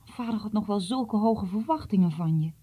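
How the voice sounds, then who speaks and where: A grieving, devout mother in a storybook scolds her son in a dark, husky voice, as a woman reads her. Her tone is reproachful and tearful. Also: mid-range voice, animated, moderate pace.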